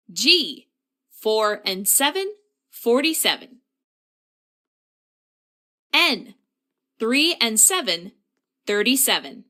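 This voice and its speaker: A woman with a high, bright voice calls bingo numbers very slowly and deliberately. Her pitch swings in a lively way as she delivers each call in the set phrasing of a bingo caller.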